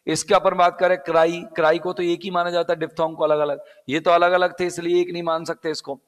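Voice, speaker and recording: A man's voice: fairly high pitch, little pitch movement, fairly quick, in a large hall. A male English teacher from Rajasthan with a Rajasthani Hindi accent, teaching a live exam-prep class step by step, repeating key words and asking and answering his own questions.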